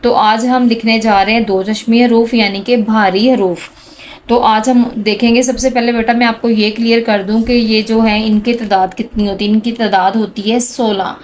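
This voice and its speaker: A woman teaching a handwriting lesson to children, speaking slowly and patiently and calling out each letter sound as she writes. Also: fairly high pitch, fairly even intonation, darkish tone, slight background noise. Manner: slow, patient, addresses students as "beta"; calls out letter sounds one by one while writing.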